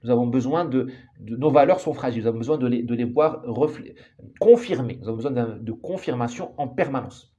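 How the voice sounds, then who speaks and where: A man's voice: mid-range voice, a little fast, warm tone, muffled recording. A man giving an opinionated monologue as an author, emphatic and full of restarts and repeated words. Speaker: author commenting on society.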